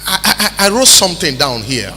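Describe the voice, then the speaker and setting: A Nigerian man preaching a sermon as pastor, calling out to the congregation and building to shouts. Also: a little high, very animated, moderate pace, a little hiss or hum. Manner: preaching with call-and-response, rising to shouts. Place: church hall. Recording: reverberant church hall with music.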